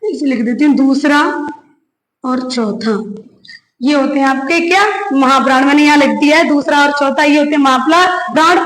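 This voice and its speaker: A woman teacher giving a slow classroom lecture, repeating each point and quizzing her listeners with questions. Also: high-pitched, a bit bright. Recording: echoey room.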